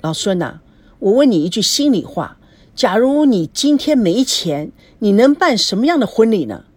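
A woman voicing a blunt older working-class father who reminisces and asks pointed questions, in a breathy voice. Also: mid-range voice, sing-song, moderate pace, darkish tone, dry recording, pitched above the performer's own voice.

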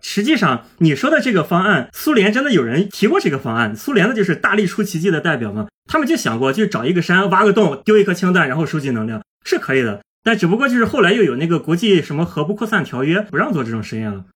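A man explaining physics on a podcast as a guest, lively and step by step, with everyday images. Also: sits high, quick pace, hardly any pauses, husky.

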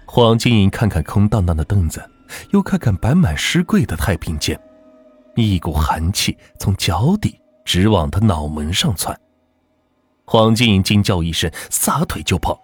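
A man narrating a folk ghost story as the channel's host, in a dramatic, lively storytelling manner. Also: low voice, moderate pace, husky, faint music behind.

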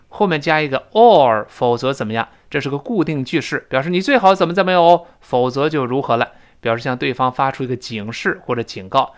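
An English teacher, a man whose first language is Chinese, talks through a lesson in a lively, animated way with a mid-range voice. He fills his explanations with little fillers and slows right down to drill each word. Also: mid-range voice. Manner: explains at length with many fillers, repeats words slowly to model pronunciation.

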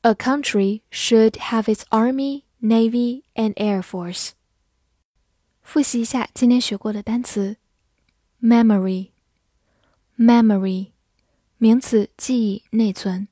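A woman teaching English vocabulary in a lesson, spelling words letter by letter and reading example sentences slowly. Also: a little high, steady tone, mellow, no room sound, studio quality. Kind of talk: slow, clear vocabulary lesson.

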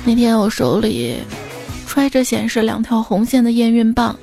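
A woman's voice: on the high side, big pitch swings, normal speed, creaky, mellow. A woman hosting a podcast, reading jokes aloud and chatting about them with listeners in a playful, conversational way. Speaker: podcast host. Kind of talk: reading jokes with casual commentary. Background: faint background music.

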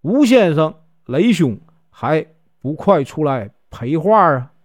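A man's voice: on the high side, sing-song, slow pace, no room sound, studio quality, heavily acted. A man voicing Chai Jin, a gracious and courteous noble lord of a manor, in a told story.

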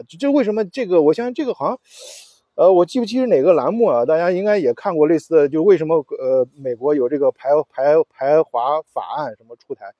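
A man's voice: fairly high pitch, no echo. A man hosting a casual solo talk show, rambling with many restarts and fillers. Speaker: podcast host. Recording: dull, lo-fi audio.

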